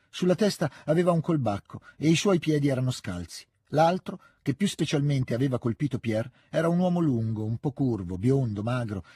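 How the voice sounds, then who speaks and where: A man giving a measured, even audiobook reading of a literary novel into a close studio mic. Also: mid-range voice, breathy edge, no room sound. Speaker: audiobook reader. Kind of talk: scripted literary narration.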